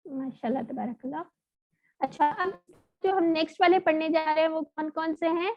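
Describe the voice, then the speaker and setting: A woman teaching an online recitation lesson, explaining patiently and sounding out letters slowly. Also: very high voice. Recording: dull lo-fi audio.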